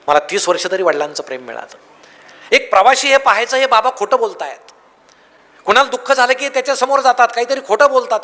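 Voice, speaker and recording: A man's voice: sits high, sharp tone. A man giving a motivational talk, telling anecdotes and acting out their dialogue. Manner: tells anecdotes, acts out dialogue. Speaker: motivational speaker. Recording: long hall reverb.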